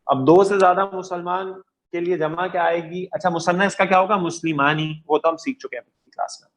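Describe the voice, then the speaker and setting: A man's voice: on the high side, a bit bright. A man teaching an Arabic grammar class, patiently repeating examples and checking that his students follow. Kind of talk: lecture.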